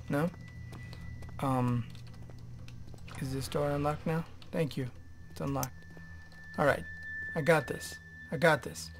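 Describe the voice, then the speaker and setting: A man's voice: mid-range voice, a little hiss or hum. A man giving let's play commentary on a horror game, jumpy and nervous, swearing and often dropping to whispers near his microphone. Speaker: gamer playing a horror game. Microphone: desk microphone.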